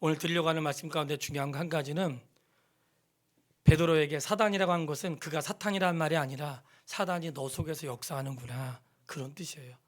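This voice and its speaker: A middle-aged man, a pastor, preaching a sermon in church, swinging from loud exhortation to hushed near-whispers and quizzing the congregation. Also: fairly high pitch, quick pace. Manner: questions the congregation and has them repeat lines. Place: church sanctuary.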